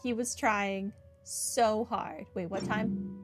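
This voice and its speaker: A woman hosts a gaming playthrough, chatting casually, dropping wry asides, and reading prompts aloud, with video game music playing behind her. Her voice is medium-pitched and steady, and she takes it slowly.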